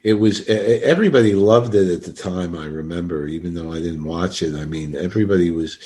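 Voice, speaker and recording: A male podcast co-host talking casually about old television. His voice sits a little low, and he rambles with plenty of fillers and restarts. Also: a little fast, warm tone. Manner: rambling, hesitant with many fillers. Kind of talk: casual chat.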